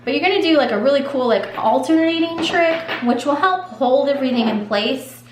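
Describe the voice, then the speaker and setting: A woman with a fairly high voice talks viewers through a craft project in a relaxed, chatty way. Her voice rings in an echoey room, with a faint hum underneath. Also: a little fast. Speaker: craft tutorial host. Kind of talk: casual step-by-step craft demonstration.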